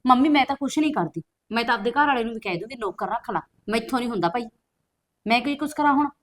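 A young woman acting a loud, complaining daughter-in-law in a family drama, talking fast. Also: on the high side, animated.

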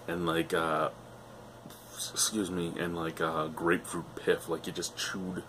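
A man's voice: low voice, a bit bright, a little hiss or hum. A middle-aged man reviewing a beer on camera at home, rambling and enthusiastic, swearing freely. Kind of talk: casual beer review vlog. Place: living room at home, indoors.

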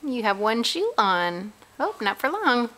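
A woman, a mother, chatting gently in a sing-song way to her toddler, repeating simple questions. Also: on the high side, sing-song, a little slow. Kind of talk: casual child-directed chat, gentle questions to a toddler. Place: carpeted room at home. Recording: home camera with clear background noise.

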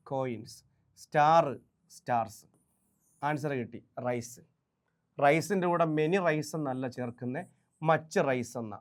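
A man teaching English grammar for an exam, quizzing students and answering his own questions with emphasis. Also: on the high side. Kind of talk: exam-prep lesson.

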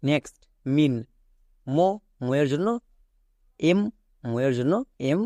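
Man slowly teaching English spelling. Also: a little high, dark tone, no room sound. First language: Bengali. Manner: slow and repetitive, asks and answers his own questions. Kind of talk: step-by-step spelling lesson.

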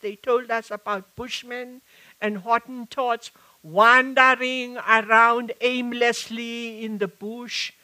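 An older South African woman, an author and activist, speaks slowly and brightly in a somewhat high voice during a public conversation on a live-event stage. She is reflective, halting and restarts often. She wears a headset mic, but the audio is poor.

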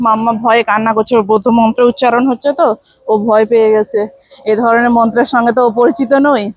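A woman's voice: fairly high pitch, flat delivery, fast talker, no room sound. A young woman from India filming a casual travel vlog outdoors on her phone, soothing a fussing toddler and repeating her words. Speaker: vlogger and mother. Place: outdoors at a temple and metro station.

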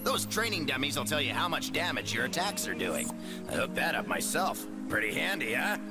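Folksy, bossy little game creature: teasing wisecracker, very animated delivery. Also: male voice, fairly high pitch, brisk. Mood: friendly, brisk. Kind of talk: video game character acting. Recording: game music behind the voice.

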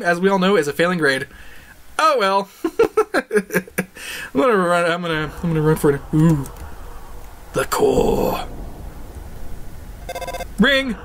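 A woman commentating her game playthrough, jokey and excitable, yelping and laughing. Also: mid-range voice, slight background noise. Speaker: let's play gamer. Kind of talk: gaming commentary.

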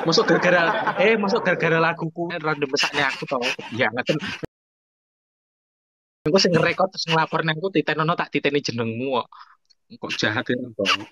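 A man's voice: on the high side, lively intonation, brisk, sharp tone, no echo. A young man in casual, teasing chat, half-singing song snippets. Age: young adult. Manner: joking, teasing, half-singing snippets, slips between Indonesian and Javanese. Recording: slightly dull lo-fi recording.

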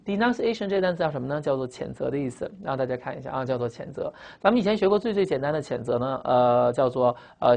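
Fast, gravelly vocabulary teacher. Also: medium pitch. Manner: repetitive, emphatic, peppers speech with "啊". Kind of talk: classroom vocabulary lecture.

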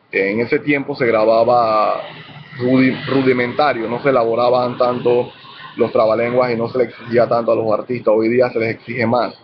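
Guy explaining rap technique step by step, casual teaching vibe, kinda muffled lo-fi audio. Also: medium pitch. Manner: instructive, lays out points in numbered steps. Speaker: urban music artist teaching rap technique. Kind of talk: casual explanatory video lesson. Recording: slightly dull lo-fi sound with faint noise.

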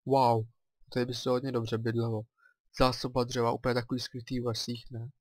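A man with a Czech accent giving casual let's play commentary, chatty and thinking aloud with excited exclamations. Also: medium pitch, dry recording.

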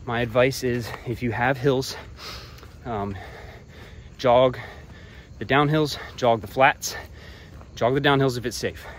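A man vlogging hiking tips while walking a trail outdoors, relaxed and a bit profane, talking between breaths. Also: medium pitch, slow, a little hiss or hum. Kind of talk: casual talk while hiking. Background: crickets and insects.

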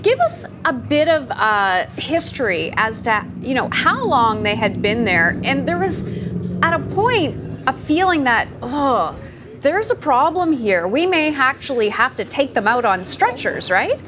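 Lively female news anchor in a newsroom. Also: high voice, a little slow, background noise. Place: studio newsroom.

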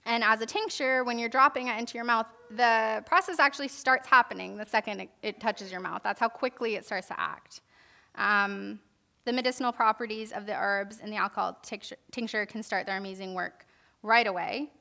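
Speaking briskly in a slightly high, creaky, bright and forceful voice, a young woman gives an informal herbalism lesson on the stage of a large church hall, reading from notes before demonstrating, with frequent fillers and restarts.

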